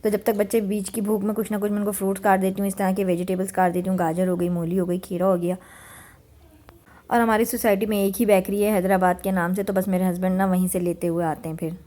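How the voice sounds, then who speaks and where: A woman's voice: mid-range voice, little pitch movement, fast, dark tone. A woman in her thirties narrating her home cooking in a chatty, homely voice-over, mixing English words into her talk. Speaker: cooking vlogger. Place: home kitchen.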